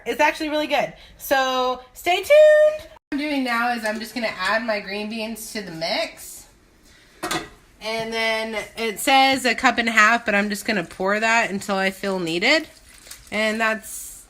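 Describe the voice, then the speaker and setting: Tipsy, higher-voiced woman chatting while cooking. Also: bright, forceful tone, a little hiss or hum. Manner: tipsy, loose and giggly; rambling, thinking aloud. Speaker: home cook hosting a cooking video. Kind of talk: casual cooking vlog chat. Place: home kitchen.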